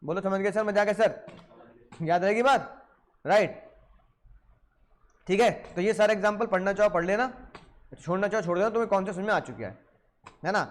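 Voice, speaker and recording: High-voiced Indian man teaching law. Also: fairly quick, pauses often. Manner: animated storytelling with film examples, asks students questions. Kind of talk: lively classroom lecture.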